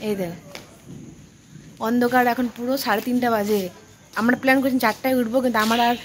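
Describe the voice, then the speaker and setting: A young woman from Bengal, vlogging excitedly outdoors at night and calling out to children. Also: fairly high pitch. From West Bengal, India. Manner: excited, chatty, calling out to kids. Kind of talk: casual vlog narration to camera. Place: village lane outdoors at night. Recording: outdoor phone video with firecracker noise. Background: firecrackers bursting.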